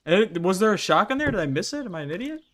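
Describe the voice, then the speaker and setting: Brief: young adult man, slightly higher voice, chatty co-op gamer who laughs easily. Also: very animated, racing, fairly bright tone. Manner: chatty, laughs often, acts out quoted voices. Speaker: streamer guest. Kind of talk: casual gaming chat.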